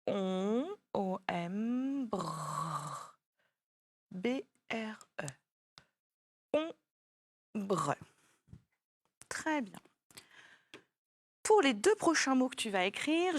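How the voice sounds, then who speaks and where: Slow, lively-voiced woman teaching spelling. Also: on the high side. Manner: patient, slow, spells words out letter by letter. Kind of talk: spelling lesson for a child.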